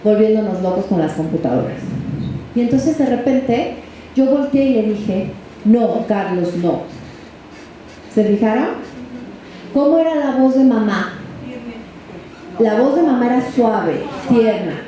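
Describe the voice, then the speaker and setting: Woman, Mexican accent, middle-aged, lecturer, conversational tag questions, slightly high voice, faint room noise. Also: expressive, unhurried, long pauses, warm tone, very echoey, poor audio. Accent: Mexican Spanish. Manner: conversational, ends phrases with tag questions to the audience. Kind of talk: parent workshop lecture.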